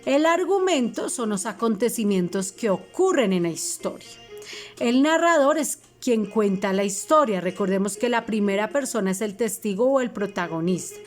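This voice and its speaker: A woman's voice: medium pitch, expressive, moderate pace, soft background music. A woman teacher, giving a recorded lesson to fifth graders and patiently spelling out each instruction. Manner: patient, reminding, spells things out for children.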